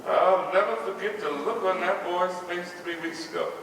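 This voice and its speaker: An actor playing a protective grandfather on a theater stage, gruff and guarded, heard from a distant mic. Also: sits high, moderate pace, a bit bright, slight background noise. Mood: tender. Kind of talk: live stage drama. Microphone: distant room mic. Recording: echoey hall from far off.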